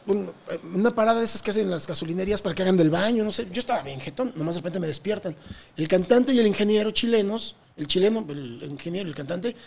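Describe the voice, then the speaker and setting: A man with a Mexican accent telling a touring story in a casual interview, animated and full of slang and swearing. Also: high-pitched. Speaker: touring musician guest.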